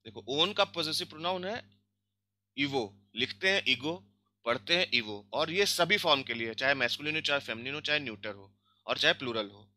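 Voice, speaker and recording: Bright-voiced man drilling grammar forms. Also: on the high side, animated, normal speed, no room sound. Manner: drills forms aloud, asks and answers his own questions; mixes Hindi and English. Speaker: language teacher. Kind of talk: online grammar lesson.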